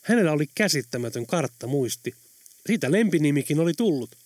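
A man narrating an audiobook in a steady, even storytelling manner. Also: a little high, dry recording, studio quality. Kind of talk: scripted narration.

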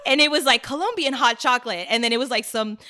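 A woman from the United States telling stories in a casual chat, animated and laughing often as she acts out voices. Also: a little high, fast talker.

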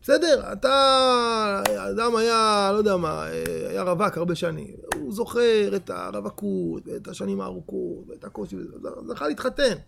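A rabbi teaching a Torah lesson with a high-pitched voice edged with gravel. He talks with animated emphasis and keeps turning to his listeners with questions. The delivery is lively and direct, aimed at a room full of people. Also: few pauses, slight background noise. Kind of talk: Torah lesson to a live audience.

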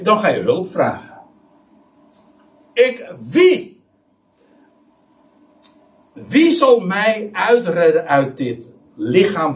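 A man preaching a Bible-teaching sermon, emphatic and full of restarts. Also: mid-range voice. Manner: animated, emphatic, many restarts. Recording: voice somewhat far from mic.

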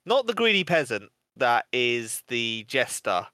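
Bright-voiced animated podcast co-host, a man. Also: mid-range voice, a little slow, no room sound. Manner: animated storytelling, swears and laughs often. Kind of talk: casual gaming podcast chat.

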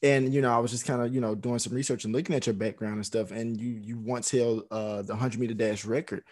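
A man's voice: mid-range voice, fairly even intonation, quick pace, a little mellow. A man hosting a casual interview, asking questions in a conversational way and repeating phrases as he frames them. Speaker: interviewer, host.

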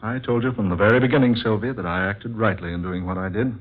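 An actor playing a smug, condescending male killer in an old-time radio drama, his husky voice cracking into frantic shouts. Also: on the low side, fairly even intonation, fast, lightly acted. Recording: lo-fi old radio recording with music.

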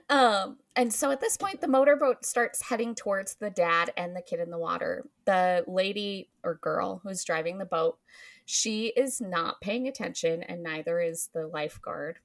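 A woman podcast host with a lowish voice recaps a film's plot a little slowly in a casual chat. She's giggly, laughing often and filling gaps with um and like.

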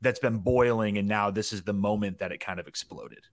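Man, lowish voice, sports-podcast analyst, animated, dry mic. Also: brisk, no echo. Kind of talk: casual sports podcast chat.

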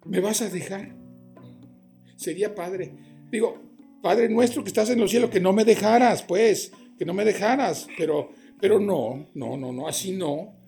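A man's voice: sits high, measured pace, gravelly, mellow, soft background music. An older man playing a flustered patient in a comic sketch, stammering and repeating himself as he complains about his wife. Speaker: patient with marriage troubles.

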